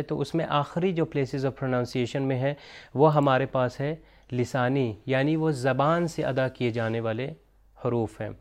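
Male recitation teacher, measured explainer, resonant clean tone, chants examples slowly. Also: medium pitch, darkish tone. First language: Urdu. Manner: explanatory, mixes in English terms, slow chanted recitation of examples. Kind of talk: recorded pronunciation lesson.

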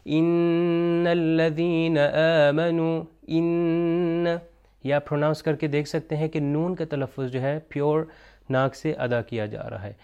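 Man teaching recitation, smooth voice. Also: on the high side, steady tone, a little mellow, lo-fi sound. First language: Urdu. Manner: explanatory, mixes in English terms, slow chanted recitation of examples. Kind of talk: recorded pronunciation lesson.

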